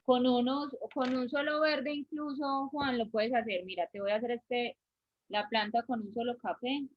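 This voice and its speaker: A woman teacher with an Antioquian Colombian accent guides an online drawing class, talking through each step and pausing to ask whether everyone follows. Her voice sits a little high. It comes through a muffled video-call line. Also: steady tone. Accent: Colombian Spanish, Antioquia. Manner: explains step by step, checks in with frequent "¿sí?" and "¿cierto?".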